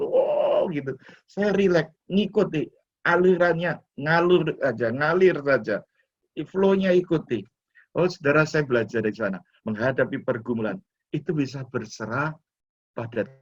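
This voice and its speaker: A middle-aged man, a pastor, tells a personal testimony to his congregation, speaking to them as brothers and sisters. His voice sits at an ordinary male pitch. It comes through a video call and sounds dull and lo-fi. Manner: storytelling, often addresses listeners as brothers and sisters. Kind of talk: sharing a personal testimony in a church talk.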